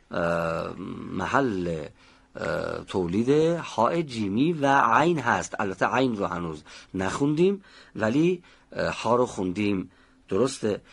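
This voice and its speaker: A man teaching a televised pronunciation lesson, patiently explaining step by step and slowly demonstrating each sound. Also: on the low side, husky.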